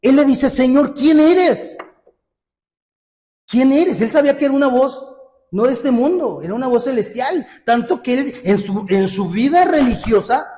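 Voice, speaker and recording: A man preaching a sermon as pastor, with a Mexican Spanish accent, joking and lively, moving between loud exhortation and low asides. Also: big-room sound. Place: church hall.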